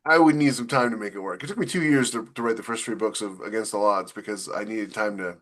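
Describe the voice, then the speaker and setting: A man co-hosting a podcast, a science fiction author, chats casually in a panel setting and explains things in a loose, rambling way. His voice is on the low side, fast, and a bit bright.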